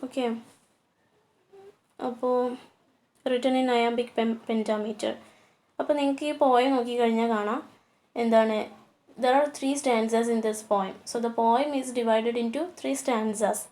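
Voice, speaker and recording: A woman teacher lecturing on a poem, slowing to a deliberate pace on the English lines and pausing on fillers as she explains. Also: on the high side, steady tone, mellow. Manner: switches to slow, deliberate reading for English lines; hesitant, with many fillers. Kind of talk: poetry lecture.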